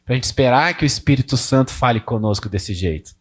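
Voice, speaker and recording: A male pastor preaches in an informal, storytelling way, voicing prayers and talks with God as he goes. His voice sits at an ordinary middle pitch. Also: lively intonation, brisk. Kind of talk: conversational sermon.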